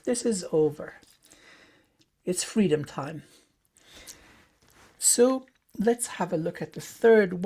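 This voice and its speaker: A woman giving a gentle spiritual rune and oracle card reading, speaking soothingly and affectionately with some fillers. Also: lowish voice, husky. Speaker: tarot and rune reader.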